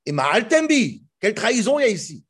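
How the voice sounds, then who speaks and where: Male Torah teacher, high and husky, animated and restless delivery. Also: brisk. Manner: animated, often restarts and jumps in pitch. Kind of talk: Torah class explaining commentaries.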